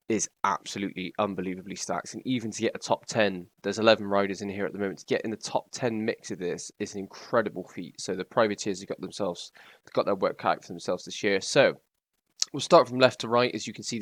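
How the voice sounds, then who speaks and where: A man's voice: on the low side, no echo. A young British man chatting enthusiastically in a casual vlog, with frequent ums. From Britain. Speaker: YouTuber.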